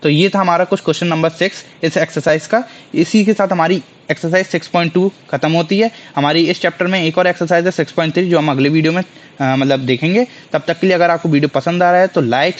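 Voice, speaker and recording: A man teaching a school maths lesson, asking questions and answering them himself. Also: a little high. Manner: slow, deliberate spelling-out of angle names.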